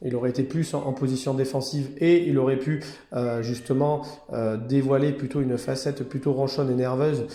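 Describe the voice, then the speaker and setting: A man who runs a cat hotel, speaking casually to camera in an indoor cat room, cooing at the cats in a high sing-song voice and then explaining calmly to viewers. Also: normal speed, roomy sound. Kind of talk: casual vlog commentary.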